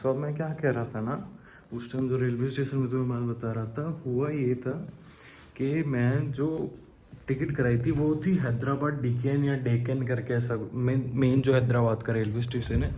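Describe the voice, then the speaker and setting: A man's voice: medium pitch, steady tone, normal speed, dark tone, slight background noise. A young man chatting casually in a travel vlog, mixing English words into his talk and calling his viewers bro. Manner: chatty, mixes English into Hindi, says bro often. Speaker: travel vlogger. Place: hotel room.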